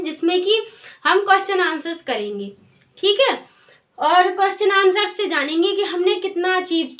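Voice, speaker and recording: A woman's voice: extremely high pitch, fairly bright tone. A woman teaching an online grammar lesson. She asks questions and answers them herself. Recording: echoey room, voice far from mic.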